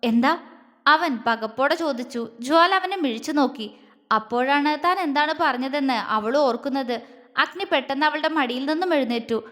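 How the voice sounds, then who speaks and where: A woman storyteller narrating a romance audio story in a calm, gentle reading voice. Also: high-pitched, moderate pace, long reverb tail.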